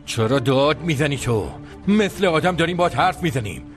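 Guy doing a rough ex-con uncle, bullying, coarse, threatening, faint music under it. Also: a little high, expressive, natural voice. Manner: rough, bullying, shouting in anger. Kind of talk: film drama dialogue.

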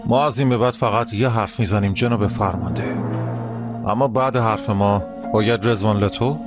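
A man's voice: lowish voice, music in the background, lightly acted. A man dubbing a defiant young man who speaks firmly to a commander in a television drama. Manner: defiant, firm.

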